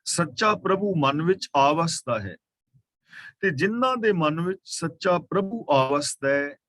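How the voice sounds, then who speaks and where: Male preacher with a Punjabi accent, fairly high voice, slowly chanted verses then plain explanation, dry close recording. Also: expressive, fairly bright tone, dry recording. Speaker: katha preacher. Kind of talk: scriptural exposition.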